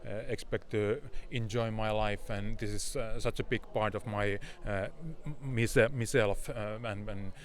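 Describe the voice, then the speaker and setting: A man in his thirties with a fairly low voice and a Finnish accent. He is a fighter talking casually in an interview, halting often as he searches for words in his second language. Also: fairly even intonation. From Finland. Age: 30s. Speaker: MMA fighter being interviewed.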